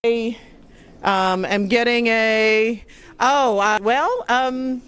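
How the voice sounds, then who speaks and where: Female event host, slightly high pitch, chatty, improvised live patter. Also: extremely slow, a bit bright, smooth. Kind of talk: unscripted live hosting, casual.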